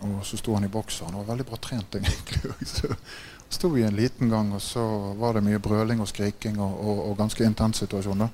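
A man preaching a sermon, telling stories with growing excitement, laughing often and checking in with listeners by asking "right?". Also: few pauses, a little hiss or hum. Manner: gets louder and higher in excited passages. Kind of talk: sermon with animated storytelling.

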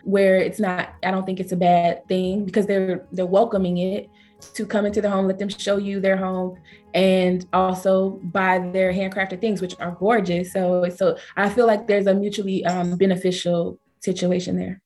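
A travel company founder from Georgia, USA, tells stories as an interview guest in a conversational way. She's animated, jumping in pitch to act out quoted speech, talking at a moderate pace over soft background music.

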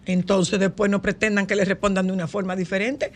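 A woman's voice: mid-range voice, level tone, a little fast. Emphatic older woman. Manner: emphatic, repeats words for stress. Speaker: co-host. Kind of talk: casual radio talk.

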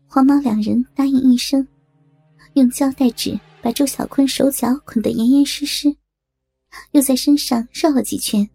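A woman narrating an audiobook in a steady storytelling manner. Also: sits high, normal speed, vocal fry, husky, no echo. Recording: dry close mic with faint music beneath.

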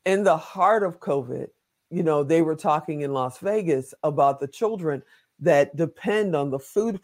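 A man's voice: a little high, darkish tone. A man hosting an interview, asking questions in a chatty, rambling way and adding jokes. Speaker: interview host. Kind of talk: casual interview talk.

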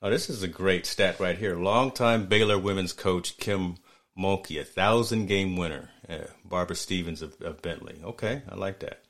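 A man co-hosting a casual sports podcast, talking in a thoughtful, measured way and often restarting his phrases. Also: sits low, a bit bright. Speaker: podcast co-host.

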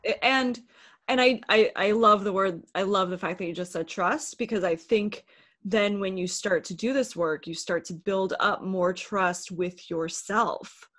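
A woman's voice: mid-range voice, unhurried, a bit bright. A woman guest in a casual chat, reflecting openly on her own feelings and saying "like" a lot. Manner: open and reflective, says "like" often.

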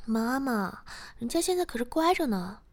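A woman voicing a coy, playfully submissive young girlfriend in a spoken story, in a pouty, excited manner. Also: a little high, normal speed, vocal fry.

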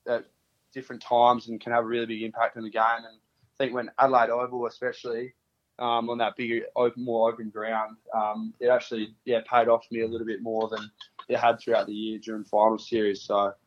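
A man's voice: mid-range voice, monotone, brisk, no room sound, muffled recording. A man in his early twenties from country Australia, with a laid-back, laconic Australian drawl, answering casually as a footballer in an interview. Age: early 20s.

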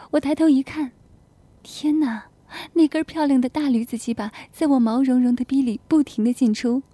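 A woman reading an erotic audio story in the first person, in a soft, hushed narrating voice. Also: a little high, dry recording.

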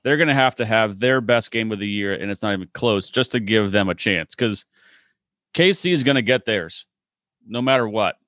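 A man from Massachusetts in a casual sports chat, weighing his views in a measured, hedging way. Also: lowish voice, lively intonation, a bit bright, no echo, clean studio sound. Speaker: podcast co-host.

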